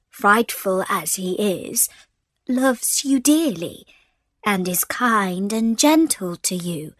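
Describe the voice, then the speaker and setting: Woman reads a thoughtful old storybook father, lowered voice, slow and measured. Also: no room sound. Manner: calm, measured and advising. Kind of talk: storybook reading.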